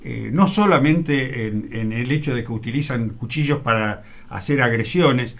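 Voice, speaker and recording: A man speaks as a co-commentator on a radio news program, his voice at an average pitch for a man. He talks in a measured, hesitant way, often pausing on "eh" and "este" before picking up his point. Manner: measured, hesitant, filler pauses. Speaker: co-host commentator.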